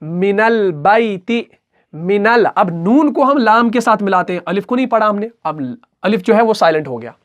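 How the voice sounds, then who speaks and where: A man with a fairly high voice explains recitation rules step by step. He repeats each point patiently and asks his students questions that he then answers himself, like a classroom teacher. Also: lively intonation, fairly quick.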